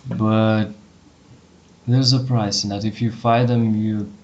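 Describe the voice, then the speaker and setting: A man narrating a tabletop game as game master, speaking in a measured, warning tone with pauses. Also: fairly low pitch, little pitch movement, dull audio, a little hiss or hum.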